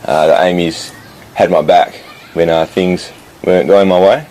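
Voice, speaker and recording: A man's voice: deep voice, steady tone, moderate pace, darkish tone. A man, brother of the bride, giving a short personal tribute on a family video. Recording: faint background noise on home video.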